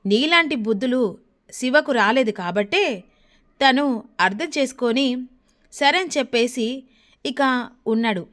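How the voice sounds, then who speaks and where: A woman's voice: fairly high pitch, unhurried, pauses often, a bit bright. Brief: young husband, cutting and preachy, voiced by a woman narrator. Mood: lecturing. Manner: lecturing, cutting. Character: stern young husband lecturing his wife.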